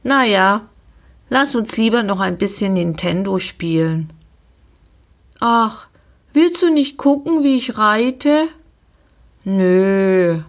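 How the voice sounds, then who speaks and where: A woman's voice: mid-range voice, lively intonation, takes it slowly, long pauses. A woman voicing a whiny, reluctant young girl in a storybook reading, with a childlike, complaining manner.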